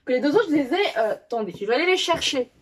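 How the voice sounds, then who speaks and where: A young woman chats on camera about her new books, rambling and correcting herself as she goes. Her voice sits a little high for a woman, with lots of filler sounds between thoughts. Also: expressive, fast, noisy background. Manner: rambling, many fillers and restarts; chatty, self-correcting. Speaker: book vlogger. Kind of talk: casual unboxing chat.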